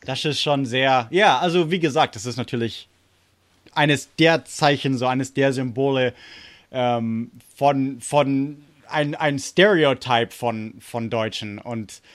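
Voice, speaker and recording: A man with an American accent in German, a native English speaker, chats casually about history, searching for words and slipping in English ones. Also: mid-range voice. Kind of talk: casual podcast discussion of history.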